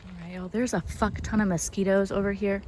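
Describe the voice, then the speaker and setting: Excitable swearing woman vlogging outdoors. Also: mid-range voice, brisk, slight background noise. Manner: excitable, swears freely, drops into whispers. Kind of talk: casual walking vlog. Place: outdoor cemetery, walking.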